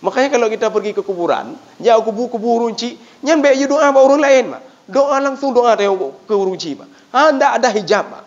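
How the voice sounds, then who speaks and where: A man's voice: very high voice, brisk. A man with an Acehnese accent preaching a sermon in a prayer room, telling stories animatedly and addressing listeners directly. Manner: lively, animated storytelling, often addressing listeners as "Pak". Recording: dull lo-fi sound.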